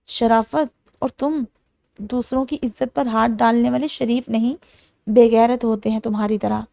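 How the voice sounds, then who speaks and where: A woman's voice: fairly high pitch, steady tone, creaky, warm tone, dry recording, clean studio sound. A woman voicing a bitter, defiant young woman held captive in a romance audiobook.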